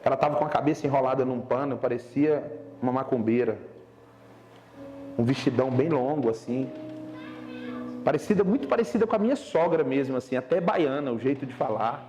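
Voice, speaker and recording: A young man from Brazil, a pastor telling a story in a Sunday sermon, swinging between loud urgent preaching and low, slow emphasis. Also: lively intonation, faint music behind. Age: young adult. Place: church service.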